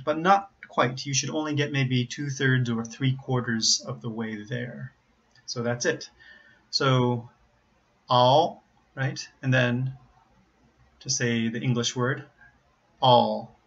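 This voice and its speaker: An American man giving an instructional pronunciation lesson, explaining carefully and enunciating examples deliberately. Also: mid-range voice, a bit bright. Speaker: English pronunciation teacher. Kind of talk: instructional explanation with word demonstrations. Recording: slightly dull, lo-fi audio.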